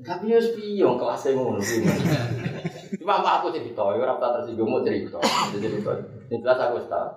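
An older man delivers an animated sermon, telling stories with chatty asides and reciting scripture verses in a slow chant. His voice rings through a very echoey room. He stands well back from the microphone. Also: medium pitch, crowd noise. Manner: animated storytelling, mixing Javanese and Indonesian, reciting Quranic verses. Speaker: Islamic preacher. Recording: roomy echo, distant mic.

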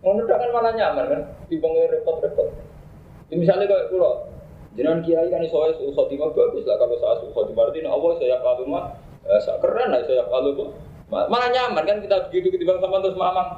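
A man's voice: fairly high pitch, lively intonation, fast. A man with a Javanese accent giving a casual religious talk, joking and laughing often as he recites Arabic verses. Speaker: Islamic preacher. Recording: roomy, dull lo-fi recording.

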